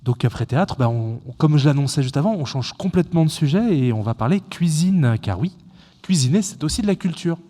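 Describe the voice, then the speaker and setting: A man hosting a casual online show in a relaxed, hesitant way. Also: fairly high pitch, brisk, in a large hall. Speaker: host. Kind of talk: casual interview.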